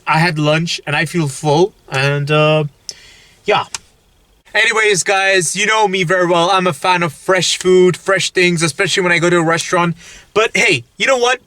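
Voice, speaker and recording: A young man from Belgium, a food vlogger, talks casually to viewers through a dashboard camera as he drives. His high-pitched voice has a sharp tone and no echo, and he's chatty yet hesitant, often restarting, with car and road noise audible.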